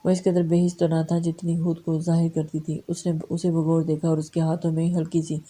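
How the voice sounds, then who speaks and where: Low-voiced woman narrating a novel. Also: completely flat delivery, mellow. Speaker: novel reader. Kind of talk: scripted narration of a romance novel.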